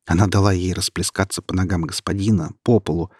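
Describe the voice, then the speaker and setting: Low husky man reading a story. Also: a little fast, dry recording, clean studio sound. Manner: steady storytelling. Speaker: narrator. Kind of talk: audiobook reading.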